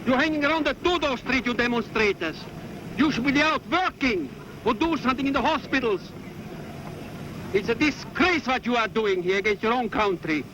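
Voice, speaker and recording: A man's voice: very high voice, expressive, normal speed, dull audio. A man with a Hungarian accent, angrily berating demonstrators in a street interview. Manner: angry, berating, lecturing. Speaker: counter-protester. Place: outdoor street protest. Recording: loud street noise, archive film.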